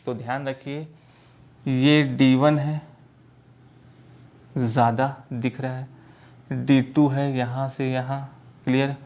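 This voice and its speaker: A man teaching math at a board, speaking slowly and often checking that his students follow. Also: mid-range voice, little pitch movement, a little mellow. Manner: slow, repeats "clear?" checks to students. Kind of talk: board lesson in Hindi mixed with English.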